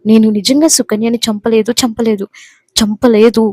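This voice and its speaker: A woman's voice: fairly high pitch, fairly even intonation, a little fast, mellow, no echo, natural voice. A woman voicing a proud, wronged young wife who speaks angrily and defiantly. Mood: angry defiance. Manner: angry, pleading, defiant.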